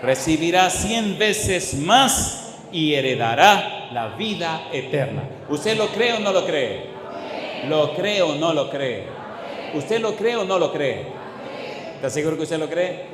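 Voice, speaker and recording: A man preaching a sermon as pastor. He hammers the congregation with repeated questions and swings between quick bursts and slow, stretched words. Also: a little high, big pitch swings, crowd noise. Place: church hall. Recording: echoey hall with faint ambience.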